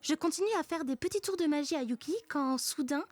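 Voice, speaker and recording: A woman's voice: high voice, brisk, a little mellow, dry recording. A woman narrating a comic first-person story in a casual, slangy, sarcastic way. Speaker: narrator of a comedic story parody.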